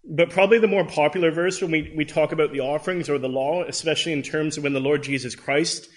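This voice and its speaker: A man's voice: on the high side, steady tone, fast. A man in his thirties from Canada with a Canadian accent, giving an earnest, conversational Bible class talk with frequent ums and restarts. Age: 30s.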